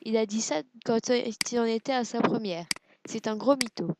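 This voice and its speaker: A woman's voice: on the high side, moderate pace, noisy background. A woman giving casual gameplay commentary, hesitant and self-deprecating, musing aloud with lots of fillers. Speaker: let's play gamer.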